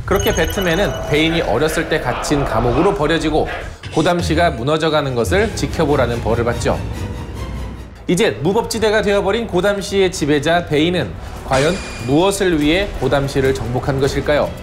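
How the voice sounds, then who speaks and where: A man narrating a scripted film review and recap in an expressive storytelling way. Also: on the high side, fairly quick. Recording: clear background music under voice-over.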